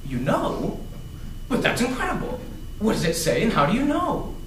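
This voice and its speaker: Young man as blustering, excitable dim doctor sidekick for stage comedy, fairly high, swooping voice. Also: normal speed, exaggerated voice. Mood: indignant. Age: young adult. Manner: blustering, exclamatory. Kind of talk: comic readers theater on stage. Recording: noisy echoey stage recording from far off.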